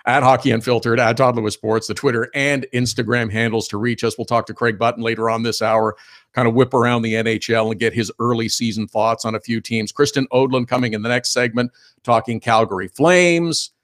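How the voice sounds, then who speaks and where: A man's voice: medium pitch, fairly even intonation, fairly quick, fairly bright tone. A man hosting a hockey radio show, talking in a chatty, opinionated way and laughing as he tells stories. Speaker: sports radio host. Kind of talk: casual hockey radio talk.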